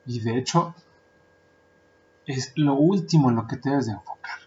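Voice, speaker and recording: Mexican man hosting a podcast: chatty, jokey, mid-pitched, dull lo-fi recording. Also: normal speed, warm tone, a little hiss or hum. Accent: Mexican Spanish. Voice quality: joking, chatty, frequent filler words. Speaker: podcast host, translator and interpreter. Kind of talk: casual podcast monologue. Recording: dull lo-fi sound.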